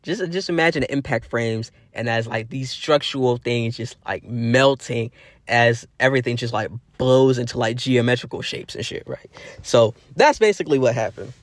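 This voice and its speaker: A young man telling a fan-made story off the cuff, rambling and restarting as he goes. His voice sits at an ordinary male pitch. The sound is dry and close, with no room echo. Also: moderate pace. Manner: rambling, heavy fillers and restarts. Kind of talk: casual improvised storytelling.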